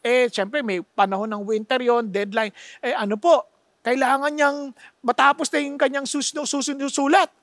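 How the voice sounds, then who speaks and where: Filipino pastor, high voice, emphatic sermon delivery, rhetorical questions, dry close sound. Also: male voice, fairly even intonation, normal speed, a bit bright, no echo. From Philippines. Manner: mixes Tagalog with English phrases.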